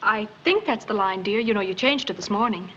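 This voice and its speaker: An actress playing a poised, teasing young stage star and wife, from a 1940s film soundtrack. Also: female voice, medium pitch, fairly quick, a bit bright, lightly acted. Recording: dull 1940s film soundtrack with faint hiss.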